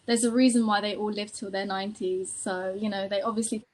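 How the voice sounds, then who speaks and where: A woman's voice: mid-range voice, steady tone, a little fast, low-quality recording. A woman from Iran telling a personal story in a panel conversation, passionate, with many fillers. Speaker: panel guest.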